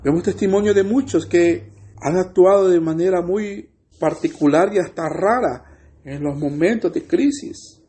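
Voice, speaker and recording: A man's voice: high-pitched, unhurried, mellow. A man from El Salvador with a Salvadoran Spanish accent, preaching an earnest sermon and addressing his listeners as brothers.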